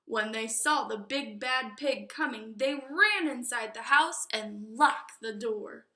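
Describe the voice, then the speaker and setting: A woman with a high, bright voice narrates a children's storybook in an echoey room. Her reading is expressive and deliberate, leaning on key words. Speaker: storybook reader.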